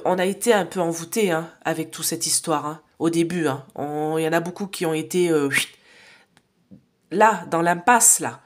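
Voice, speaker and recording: A woman with a nasal voice giving a casual oracle card reading to viewers, rambling with many fillers and asides, sometimes dropping to a whisper. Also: fairly low pitch. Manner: rambling, many fillers and tag questions, drops to whispers while drawing cards. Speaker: psychic card reader.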